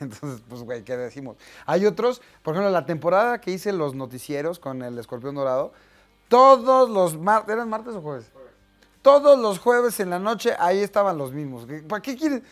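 A man in his thirties with a Mexican accent, casually telling anecdotes to camera in a slangy, lively way. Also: fairly high pitch. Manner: chatty, slangy, acts out quoted voices. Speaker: vlogger.

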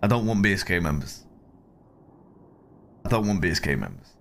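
A man's voice: low-pitched, big pitch swings, moderate pace, gravelly, a bit bright. A man in casual, blunt, teasing role-play banter, often repeating his phrases.

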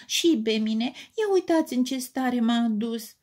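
A woman's voice: medium pitch, a little mellow, close to an everyday voice. A woman voicing a worn, half-asleep storybook that scolds and complains. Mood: plaintive. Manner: plaintive, scolding.

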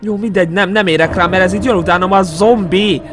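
A young man with a Hungarian accent commentating a horror game, excitable and jumpy, muttering to himself between yelps. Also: high-pitched. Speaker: gaming YouTuber. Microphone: headset. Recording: faint game music behind.

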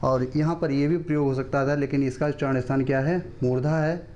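Man teaching verses, slow chanting. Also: medium pitch, fairly even intonation, darkish tone, lo-fi sound. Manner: slow chanted recitation of verses between quick explanations. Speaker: Sanskrit teacher. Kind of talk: classroom lesson explaining verses.

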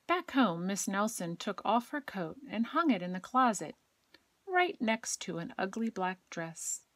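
A woman with a gentle, expressive storytelling manner, reading a children's picture book aloud. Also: medium pitch, measured pace, dry recording. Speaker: educator and child care provider reading aloud.

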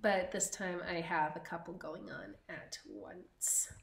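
A woman co-hosting a podcast, chatting casually and slowly about her knitting with frequent ums. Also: lowish voice, sing-song, creaky, echoey room. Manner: slow, chatty, many ums. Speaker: podcast co-host.

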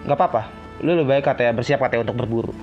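A man casually reading and translating game dialogue, halting and correcting himself as he goes. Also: medium pitch. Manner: halting, self-correcting delivery. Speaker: gameplay video host. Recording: dull lo-fi sound, music behind.

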